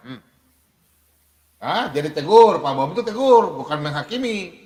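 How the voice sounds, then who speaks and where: An emphatic man with a high, lively voice preaches off the cuff on a livestream. He fires rhetorical questions, reels off verse references and speaks of himself in the third person. The sound carries a long room reverb. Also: unhurried. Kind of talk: unscripted live preaching, reading scripture.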